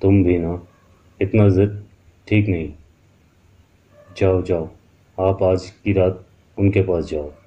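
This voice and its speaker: A man's voice: low voice, fairly even intonation, takes it slowly, long pauses, highs cut off. A man voicing a troubled middle-aged haveli owner who talks in a pleading, earnest way. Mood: coaxing.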